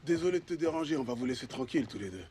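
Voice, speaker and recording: Un acteur jouant un petit escroc hâbleur et associé de restaurant, au parler cru, argotique et moqueur. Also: male voice, mid-range voice, expressive, very fast, a little mellow, a little hiss or hum, close to an everyday voice. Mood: exasperated. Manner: slangy, crude, bantering. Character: brash, slangy man, boastful small-time hustler and restaurant partner. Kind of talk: French-language acted film or series dialogue. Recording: music behind the dialogue.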